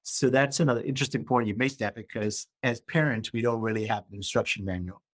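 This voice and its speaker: With no room sound, a middle-aged Malaysian man speaks fast at a medium pitch. He appears as a guest author and coach in a podcast interview, explaining his ideas step by step and regularly checking in with "right?".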